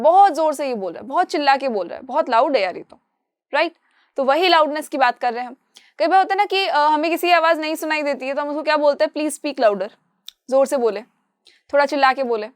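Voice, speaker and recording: A woman's voice: high-pitched, clean tone, no room sound, studio quality. A young woman teaching a physics class, who asks the class questions and answers them herself, mixing English terms into her explanations. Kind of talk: online class lecture.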